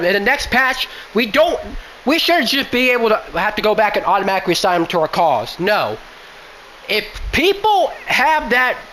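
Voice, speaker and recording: A man's voice: high voice, sharp tone, a little hiss or hum, rough recording. A man complaining at length about a buggy video game, exasperated and repeating himself as he pleads for fixes. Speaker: gaming YouTuber. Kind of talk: frustrated game rant.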